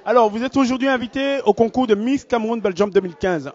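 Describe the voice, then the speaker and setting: In muffled lo-fi audio from a crowded gala hall, with a faint crowd audible, a man interviews beauty pageant guests live for a web channel. His very high voice has a darkish tone and a quick pace, and he's upbeat and formal, repeating announcements.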